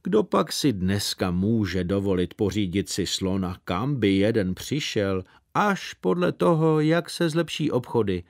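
A man voicing a grumpy, stingy shopkeeper father in an audiobook, talking in a gruff, grumbling way. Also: on the low side, sing-song, fairly bright tone, no echo, studio quality.

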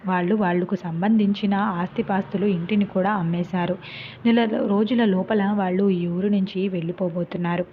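Woman doing a soft-spoken young husband, earnest, storybook, sounds tinny like a phone w/ faint hiss. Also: medium pitch, lightly acted. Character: young husband, gentle, loving, feigning madness.

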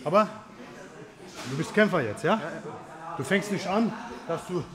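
Higher-voiced man coaching in a busy gym. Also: lively intonation, measured pace, crowd noise. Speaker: professional fighter and coach. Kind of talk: casual instruction and commentary. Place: large busy martial arts gym.

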